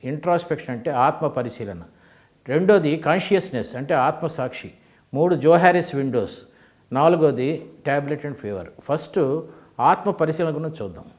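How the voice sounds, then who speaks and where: An older man giving a motivational lecture through animated stories, acting out the people in them. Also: on the high side, normal speed. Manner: animated storytelling, acts out quoted characters, mixes in English phrases. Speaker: motivational speaker. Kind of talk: storytelling lecture.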